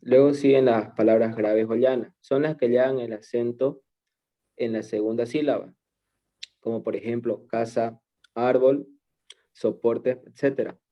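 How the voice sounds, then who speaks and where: A man's voice: medium pitch, fairly even intonation, unhurried. A man student giving a class presentation, listing word examples in a reading tone. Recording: muffled lo-fi audio.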